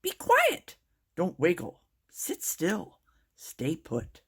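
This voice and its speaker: A woman's voice: fairly low pitch, wildly swooping pitch, very slow, husky, full character voice. A woman voicing a flock of bossy little storybook snails, scolding in clipped commands. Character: bossy, stay-at-home flock of small snails.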